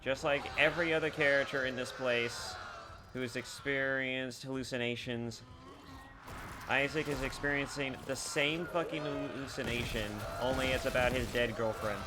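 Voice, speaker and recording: A man's voice: medium pitch, fairly even intonation, normal speed, background noise. A man giving a casual, crude and sarcastic commentary on a horror game as he plays, swearing freely. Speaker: gameplay streamer. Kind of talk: casual let's play commentary.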